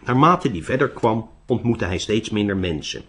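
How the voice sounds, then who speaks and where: Expressive man reading a storybook. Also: lowish voice, moderate pace. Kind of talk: storybook narration.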